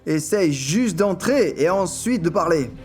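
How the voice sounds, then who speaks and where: A man as a very high-pitched male vlog co-host. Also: animated, measured pace. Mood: casual. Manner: informal, conversational. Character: male YouTube co-host of stunt experiments. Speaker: video co-host. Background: music.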